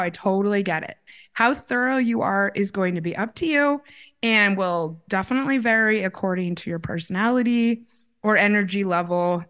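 A woman's voice: medium pitch, fairly bright tone. A woman hosting an upbeat advice vlog, coaching listeners directly in an encouraging, orderly, step-by-step way. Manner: encouraging, tidy step-by-step delivery. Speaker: relationship coach and show host.

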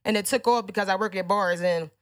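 A woman's voice: mid-range voice, fast, dry recording, clean studio sound. A woman in her twenties from Philadelphia, a rapper guest talking in blunt, laid-back slang. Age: 20s. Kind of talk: casual chat.

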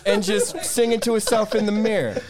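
A man's voice: high-pitched, fairly even intonation, fairly quick, crowd noise, low-quality recording. A man in casual banter, teasing the others and swearing.

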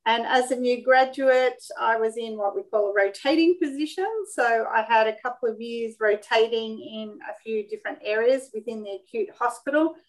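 A woman from Sydney in her fifties with an Australian accent, answering interview questions over a video call. Her voice sits a little high, and she talks in a measured, friendly way, pausing with small ums as she gathers her thoughts. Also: low-quality recording. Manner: warm, measured, with frequent ums. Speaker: occupational therapist guest. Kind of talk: interview conversation.

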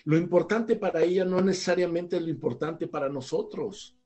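Older man, Mexican accent, slightly high voice; talk-show psychologist explaining with everyday examples. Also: normal speed, warm tone. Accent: Mexican Spanish. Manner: conversational, teaching with everyday examples, many restarts.

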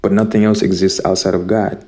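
A man's voice: low voice, level tone, brisk, darkish tone. A man from Zimbabwe giving an earnest, preachy spiritual monologue straight to his listeners. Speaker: spiritual vlogger.

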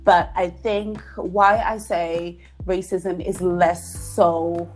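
A woman from Zimbabwe co-hosting a podcast, talking in a thoughtful, measured way. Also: on the low side, little pitch movement, faint music behind. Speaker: podcast co-host. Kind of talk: casual chat.

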